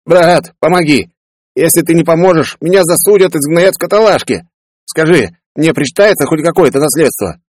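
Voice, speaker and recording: Man voicing a greedy loudmouth brother, high and brash, all over the place, boastful. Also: expressive, normal speed, dry recording, studio quality. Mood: pleading. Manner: loud, wheedling and boastful.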